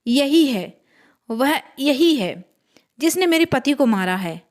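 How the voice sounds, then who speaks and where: Brief: shrill grieving widow, voiced by a woman narrator, insistent and tearful, horror storybook. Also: big pitch swings, takes it slowly, exaggerated voice. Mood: frantic accusing. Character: grieving, frantic village widow accusing a girl.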